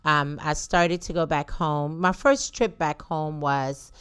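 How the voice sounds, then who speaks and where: A woman's voice: low-pitched, fairly even intonation, takes it slowly, fairly bright tone, smooth. A woman in her forties from Liberia, a guest entrepreneur telling her story in a talk show interview and laughing easily. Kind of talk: casual interview chat.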